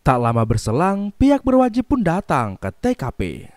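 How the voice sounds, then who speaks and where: A man's voice: fairly high pitch, wildly swooping pitch, normal speed, darkish tone, soft background music. A man narrating a scripted film recap.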